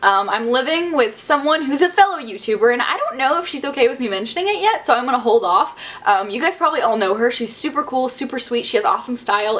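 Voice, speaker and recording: A young adult woman from the Southern US, a beauty vlogger, answers viewer questions in a casual Q&A vlog. Her voice is a little high and a bit bright, and she comes across as bubbly, chatty and playful.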